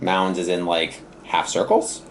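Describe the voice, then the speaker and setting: Animated man playing a pictionary guessing game. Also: low-pitched, unhurried, slight background noise. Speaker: player in a drawing guessing game.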